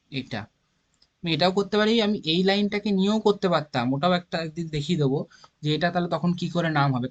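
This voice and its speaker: A man's voice: fairly high pitch, highs cut off. A man with a Bengali accent explaining organic chemistry naming, thinking aloud and counting carbon atoms step by step. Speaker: chemistry teacher. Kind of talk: informal classroom lesson.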